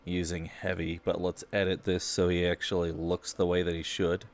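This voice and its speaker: Low-voiced man muttering over gameplay. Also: level tone, moderate pace. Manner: offhand, muttering to himself. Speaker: gaming streamer. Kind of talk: casual gameplay commentary.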